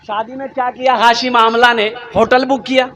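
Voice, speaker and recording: A man's voice: extremely high pitch, level tone, normal speed, a bit bright. A man preaching an Islamic sermon at a religious conference, firing rhetorical questions, answering them himself and telling stories with acted-out exchanges.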